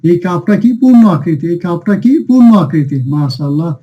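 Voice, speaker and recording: A man's voice: fairly high pitch, animated, brisk, dull audio. Patient man drilling letters aloud. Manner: drills letters by call and answer, repeating each sound; patient, addresses dear students often. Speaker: Quran reading teacher. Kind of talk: online Arabic letter lesson.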